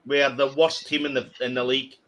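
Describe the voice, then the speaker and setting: A man's voice: mid-range voice, little pitch movement, quick pace, a bit bright, rough recording. A man chatting in a live watch party, blunt and exasperated.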